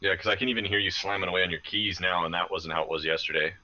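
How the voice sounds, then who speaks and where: A man's voice: deep voice, steady tone, racing, pushed and bright, highs cut off. A man talking casually with a streamer friend on voice chat, blunt, teasing and profane.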